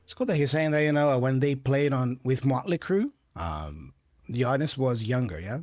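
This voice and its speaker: Patiently unpacking English phrases from a clip and checking in with learners often, this English teacher is a native Portuguese speaker with a Brazilian Portuguese accent. His voice is medium-pitched, expressive, and a little mellow, delivered at normal speed. The recording is dry.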